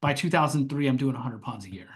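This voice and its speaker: A man telling a story as the guest in a podcast interview. His delivery is casual and animated, he acts out the voices in his story and swears freely. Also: mid-range voice, quick pace, husky. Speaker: guest, pond construction company founder.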